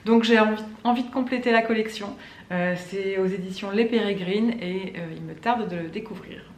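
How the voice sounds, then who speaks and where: A woman's voice: medium pitch, normal speed. A woman book vlogger chatting casually to camera about her reading plans, with frequent fillers and restarts. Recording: echoey room with faint ambient noise.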